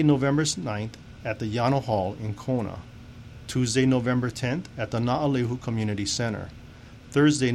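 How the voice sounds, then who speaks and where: Guy doing a civil defense announcement, medium pitch, formal measured reading, noisy background. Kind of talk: scripted public information announcement.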